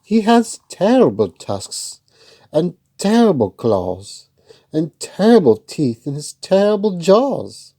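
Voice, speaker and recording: A plucky little brown mouse from a children's storybook, pitched well above the reader's natural voice and sounding loud and lively. A man puts it on while reading aloud. Each line is delivered with big, bold emphasis. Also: slow, full character voice. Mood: bold, playful.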